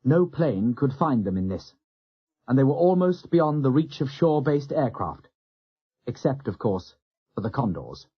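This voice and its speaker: A man narrating a war novel as an audiobook in a measured, dramatic way. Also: medium pitch, sing-song, husky. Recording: dull lo-fi audio.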